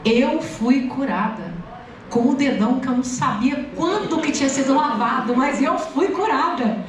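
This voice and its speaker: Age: adult. Sex: woman. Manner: lively humorous storytelling. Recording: echoey church hall, distant mic. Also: sits high, moderate pace, slight background noise. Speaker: preacher. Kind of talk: sermon with personal testimony.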